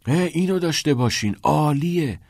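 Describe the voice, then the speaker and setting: A man's voice: fairly high pitch, expressive, a little mellow, breathy edge, no echo, studio quality, voice pushed up. A man voicing a mischievous teenage schoolboy who reads with mock seriousness. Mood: playful. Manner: mock-serious, playful recital.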